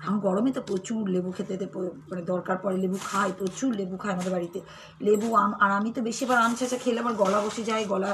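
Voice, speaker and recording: A woman's voice: medium pitch, steady tone, fast, fairly bright tone, slight background noise. A woman chatting casually to her viewers while cooking in her home kitchen, talking straight to them and now and then using baby talk with a child. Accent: Bengali.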